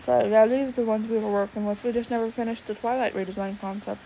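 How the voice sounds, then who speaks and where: A woman's voice: a little high, steady tone, fast talker, vocal fry, mellow, a little hiss or hum, poor audio. A young adult woman streamer chatting casually while she draws, thinking aloud and swearing now and then. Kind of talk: casual livestream chat while drawing.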